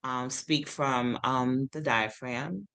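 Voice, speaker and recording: Her voice rumbles low, slow and clear with a resonant tone, and she speaks with a lateral lisp. She's in her sixties, an occupational therapist and singer, telling stories animatedly in a relaxed interview, with plenty of ums and acted-out quotes.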